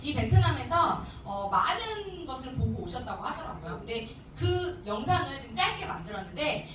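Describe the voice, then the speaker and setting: Animated woman lecturing in an echoey hall. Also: high voice, normal speed, background noise. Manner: animated, addresses audience directly with questions. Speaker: business seminar speaker. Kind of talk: motivational sales lecture. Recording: echoey hall from far off with music.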